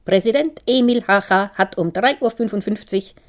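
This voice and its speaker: A woman's voice: medium pitch, moderate pace, voice pushed up, natural voice. A woman voicing a formal news announcer from an old radio broadcast.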